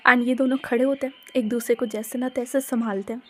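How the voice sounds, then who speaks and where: A woman narrates a casual audio love story in a chatty, slangy way. Her voice sits high, and she keeps retelling in the present tense. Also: steady tone, fairly quick, darkish tone, a little hiss or hum.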